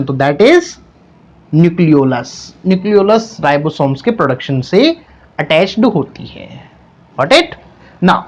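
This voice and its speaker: A man with an Indian accent teaching a science lesson online, asking each point back as a question and repeating it. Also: high-pitched. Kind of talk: online class lecture.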